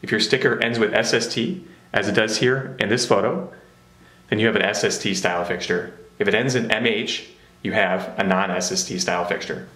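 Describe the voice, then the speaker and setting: A man's voice: on the low side, moderate pace, a bit bright. A man narrating a step-by-step product how-to in a plain, methodical way. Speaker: product demonstrator. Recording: roomy echo.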